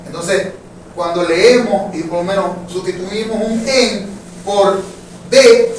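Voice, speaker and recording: A man leads a Bible class in a church in a conversational way, calling the listeners brothers and often checking that they understand. His voice sits high and is recorded from a distance, so it carries through a strongly echoing hall with a faint hiss under it. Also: takes it slowly. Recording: very echoey hall, distant mic, faint noise.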